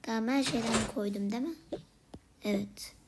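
A woman voicing a pair of playful baby sisters in a comedic role-play vlog, often in a whispery, hushed way. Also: on the high side, moderate pace, background noise. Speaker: vlogger voicing toy siblings.

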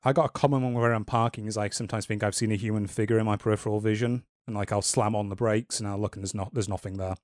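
A dry-voiced man hosts a chatty podcast, measured in delivery and dryly, wryly joking. His voice is on the low side, a little mellow, with fairly even intonation, captured in a dry recording.

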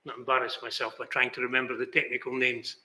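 Standing before a banner in a small chapel, an older man delivers an earnest, emphatic sermon, both hands gesturing. His medium-pitched voice is fast, bright and forceful, though the delivery is flat. The room's echo is roomy.

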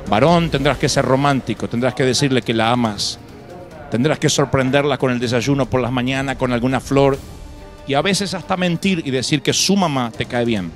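A man's voice: medium pitch, moderate pace, faint music behind. A man pastor preaching a live sermon to a congregation, emphatic and punctuated with humorous asides and acted quotes. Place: church before a congregation.

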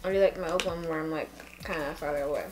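A woman's voice: deep voice, steady tone, fast talker. A young woman with a headache chatting sleepily to a close camera at home late at night, drifting from topic to topic in a giddy, rambling way. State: tired, with a headache. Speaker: vlogger. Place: indoors at home, sitting on a carpet. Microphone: camera close up at arm's length.

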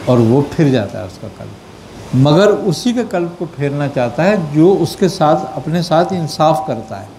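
A man's voice: a little high, darkish tone, slight background noise. A man from Pakistan giving religious teaching to a gathering, answering questions and often asking whether his point was understood. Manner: checks understanding with rhetorical questions. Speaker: spiritual teacher.

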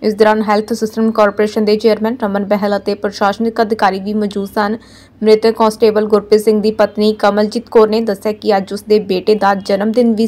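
A woman's voice: mid-range voice, a little mellow. A woman with a Punjabi accent reading a scripted news report as narrator.

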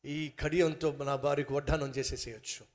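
A man voicing a greedy poor male passerby in a sermon story, excitable and grasping, with loud yelps. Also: a little high, moderate pace, pitched below the performer's own voice, natural voice. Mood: scheming. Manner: excited, yelps loudly in pain.

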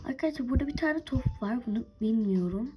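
High-voiced chatty young woman gamer. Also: animated, quick pace, highs cut off, a little hiss or hum. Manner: chatty, addresses viewers often, forgetful asides. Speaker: gaming video host. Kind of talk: casual gameplay commentary.

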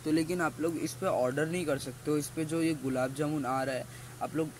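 Speaking fairly quickly in a fairly high, steady voice, a teenage Indian food vlogger chats with his viewers, calling them "guys," while reviewing a busy mall restaurant. He films on a phone at arm's length, and the low-quality recording has slight background noise.

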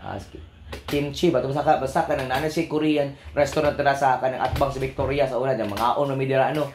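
A man's voice: medium pitch, fairly even intonation, fast talker, darkish tone, roomy sound, slight background noise. A man with a Cebuano Filipino accent hosting a casual radio show, playfully mimicking foreign accents and laughing often. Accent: Filipino, Cebuano-speaking. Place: radio studio.

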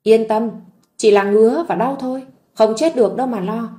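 A woman's voice: fairly high pitch, moderate pace, mellow, lightly acted. A woman voicing a vengeful young wife who speaks in a cold, mocking, harsh way.

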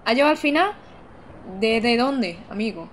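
A woman's voice: on the high side, lively intonation, measured pace, fairly bright tone, slight background noise. A woman, streaming a video game live, chatting casually, laughing often and reading chat aloud.

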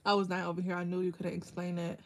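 A woman's voice: fairly low pitch, monotone, fast. Chatty woman hosting a nail livestream. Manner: chatty, answers viewers by name, laughs often. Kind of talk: casual livestream tutorial chat.

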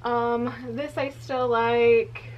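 A woman's voice: fairly high pitch, flat delivery, very slow, muffled recording, slight background noise. A young woman vlogging casually in a small walk-in closet, talking to a camera on a tripod a few feet away, with lots of "like" and "you know". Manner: chatty, filler-heavy, candid. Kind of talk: casual closet clean-out vlog.

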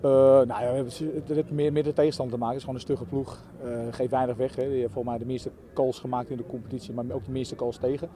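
A football coach from the Netherlands gives a quick post-match interview outdoors, his words tumbling out in halting bursts full of fillers. His voice is mellow and rapid, with faint traffic noise behind him. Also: mid-range voice, level tone. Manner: halting, many fillers and restarts.

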